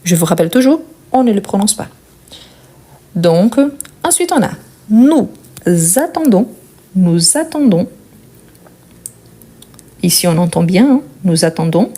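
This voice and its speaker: A woman teaching verb conjugation, repeating each form slowly and clearly and checking in with short questions. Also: medium pitch, very animated, mellow. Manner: checks in with "ok?" and "bien". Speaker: French teacher. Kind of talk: explaining conjugation.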